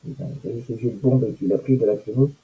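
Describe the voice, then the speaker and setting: A man's voice: medium pitch, fairly even intonation, fast talker, dark tone, slightly rough, poor audio. A man giving casual, sarcastic commentary on news items and comments, with mocking asides.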